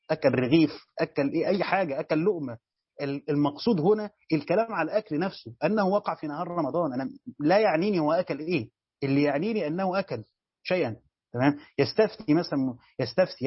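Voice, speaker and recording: Egyptian male teacher, fairly high voice, quick explanatory delivery, muffled dry lo-fi sound. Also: breathy edge, dry recording. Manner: explanatory, asks and answers his own questions. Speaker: Quran commentary teacher. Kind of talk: colloquial Egyptian lecture on Quran exegesis. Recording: dull, dry lo-fi recording.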